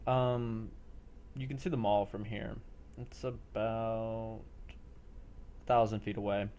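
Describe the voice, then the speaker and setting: Slow and a little mellow, his lowish voice barely moves in pitch as this game master improvises tabletop scene descriptions plainly for an online group session. The recording is lo-fi with a little hiss or hum.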